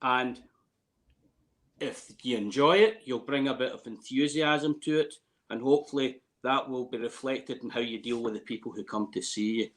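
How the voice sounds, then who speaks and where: Male, late 50s, Scottish accent; casual interviewee, hesitant rambling storyteller with an average-pitched voice. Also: fairly even intonation, normal speed. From Scotland, near Glasgow. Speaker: distillery warehouse tour guide.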